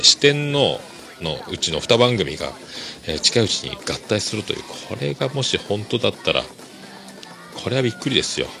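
A man hosting a casual solo podcast, talking chattily and enthusiastically and laughing softly between remarks. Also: sits low. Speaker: podcast host.

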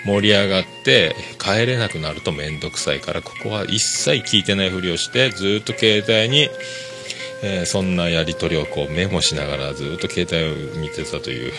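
A man's voice: low-pitched, brisk, music in the background. A man from Fukuoka hosting a podcast, telling a casual story in a chatty, rambling way with many fillers. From Fukuoka, Japan. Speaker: podcast host.

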